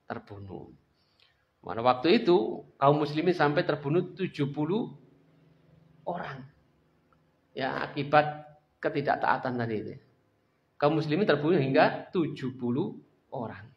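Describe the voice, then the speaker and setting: A male religious teacher, telling an Islamic history lesson in a lecture hall, slowing down for emphasis. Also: fairly high pitch. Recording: dull lo-fi lecture recording.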